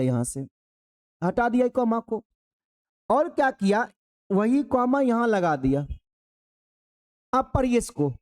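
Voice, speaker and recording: Mellow-voiced male grammar teacher. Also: very high-pitched. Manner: repeats key phrases for emphasis, speaking to students directly; explains slowly through a worked example. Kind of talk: online exam-prep grammar lesson.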